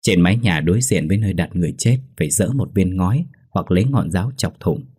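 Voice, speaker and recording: A man's voice: sits low, expressive, quick pace, warm tone, husky. A man voicing a stern old village ritual master who gives commanding instructions. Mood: instructive.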